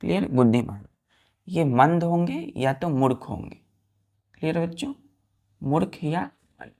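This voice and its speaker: Woman, deep voice, slight fry, vocabulary teacher, spells letters, asks children to repeat. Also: expressive, unhurried, dark tone. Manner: mixes Hindi explanations with English words. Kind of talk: classroom-style vocabulary lesson.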